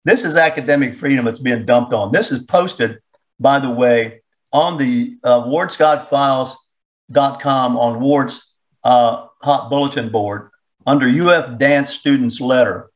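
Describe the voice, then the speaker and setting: A man's voice: medium pitch, unhurried, dull audio. A man hosting an opinion talk show, sarcastic and indignant as he reads excerpts aloud and comments on them.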